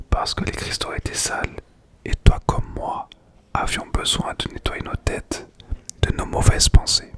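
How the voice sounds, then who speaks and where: A man speaking in a breathy, unvoiced whisper, presenting and reading books in an informal ASMR style. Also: fairly bright tone.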